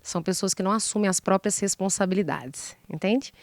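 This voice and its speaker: Brisk and mid-pitched, a woman psychologist appears as an interview guest offering didactic relationship advice. She voices example dialogues and relies on rhetorical questions. The recording is studio quality, free of echo.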